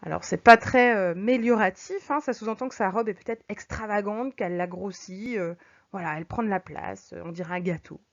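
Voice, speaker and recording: A woman teacher explaining figures of speech to her students, patient, reading examples slowly and clearly. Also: medium pitch. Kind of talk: recorded French lesson. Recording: dull lo-fi recording.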